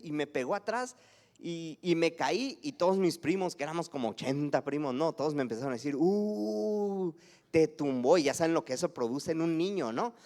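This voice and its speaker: A man with a Mexican accent preaching a conversational sermon, asking his congregation questions and acting out stories from his childhood. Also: a little high. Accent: Mexican Spanish. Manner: conversational, acts out anecdotes and asks the congregation questions. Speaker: pastor.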